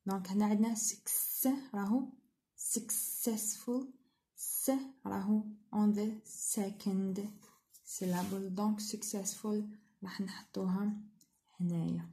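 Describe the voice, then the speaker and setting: A woman English teacher with an Algerian accent, going through pronunciation exercises, drawing out model words slowly between quick asides. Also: mid-range voice, flat delivery, gravelly, warm tone. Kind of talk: spoken exercise walkthrough.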